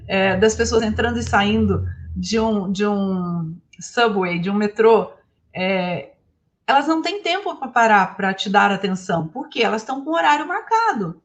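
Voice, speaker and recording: Woman, from Brazil, native Portuguese speaker, English teacher, high voice, animated talk to an audience. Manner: animated, asks the audience questions.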